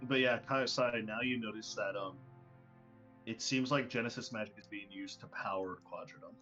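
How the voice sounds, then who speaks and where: A man's voice: fairly low pitch, normal speed, bright, forceful tone, faint music behind. Man narrating as game master. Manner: descriptive, hesitant with many fillers. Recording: lo-fi online voice call.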